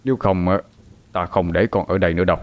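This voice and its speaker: A man's voice: deep voice, fairly even intonation, quick pace, natural voice. A man doing a stern old master. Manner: stern, instructing. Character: stern elderly male master of the girl.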